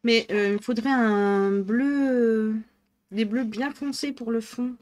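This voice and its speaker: Slow, chatty woman streamer, northern accent. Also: a little high, a little mellow. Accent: northern French (ch'ti). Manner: chatty, thinks aloud, laughs often. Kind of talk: casual live-stream chat while colouring.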